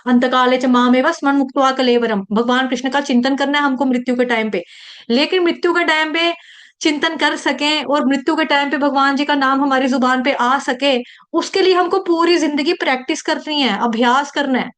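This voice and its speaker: A woman leads a devotional scripture lesson in a high, bright-toned voice. She tells her points through lively stories, dropping in English sayings and acting out the characters as she goes. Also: moderate pace. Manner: animated storytelling, acting out quoted voices. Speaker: Bhagavad Gita teacher. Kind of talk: devotional teaching talk.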